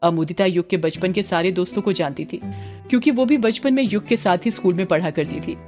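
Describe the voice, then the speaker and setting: A woman narrating a horror audio story in a steady storytelling manner. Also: lowish voice, fairly quick, soft background music.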